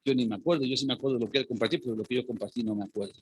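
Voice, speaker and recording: A man's voice: medium pitch, steady tone, racing, husky. A man with a Mexican accent preaching a sermon as pastor, fervent and often asking the congregation rhetorical questions.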